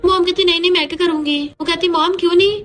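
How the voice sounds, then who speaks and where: A woman's voice: extremely high pitch, steady tone, fast, fairly bright tone. A woman retelling a romance drama plot, reading the characters' quoted lines in her own narrating voice.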